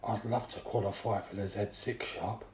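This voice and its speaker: A man voicing a cheeky, excitable young male soldier who talks in loud, jokey banter. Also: lowish voice, moderate pace, natural voice. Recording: roomy echo.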